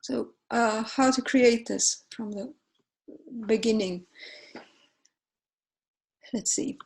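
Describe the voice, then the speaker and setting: Sharing her screen, a woman in her forties guides viewers through software in Finnish-accented speech; Finnish is her native language. Her voice sits on the high side, gravelly and husky, over poor audio. She speaks slowly and haltingly, with many fillers and frequent self-corrections.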